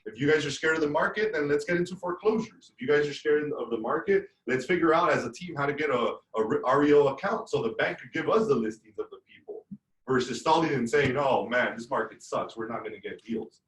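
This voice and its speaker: A man leading a real estate team meeting, giving an energetic motivational talk and repeating himself as he coaches. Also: a little high, fast talker. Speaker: brokerage leader running team meeting. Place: room on a video call. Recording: roomy audio from far off.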